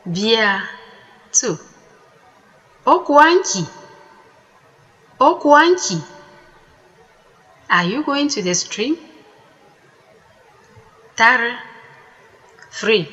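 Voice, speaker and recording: Woman teaching a language lesson, real slow, says every word twice, bright voice. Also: a little high, lively intonation, highs cut off. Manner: slow, deliberate, repeats each word twice. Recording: echoey room with long reverb.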